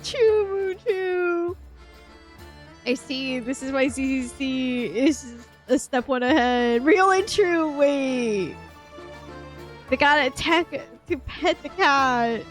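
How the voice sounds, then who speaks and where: A woman streaming a game reaction, chatty and excitable, greeting her viewers as she plays. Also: high voice, slow pace, soft background music. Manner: gushing, excitable, with squeals and laughs.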